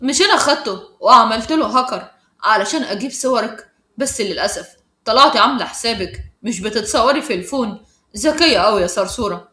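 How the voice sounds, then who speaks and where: Sly taunting schoolboy, Egyptian accent, fast delivery, roomy echo, voiced by a woman. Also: a little high, animated, bright, forceful tone, pitched below the performer's own voice. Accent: Egyptian Arabic. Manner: smug, taunting. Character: sly scheming teenage schoolboy bully.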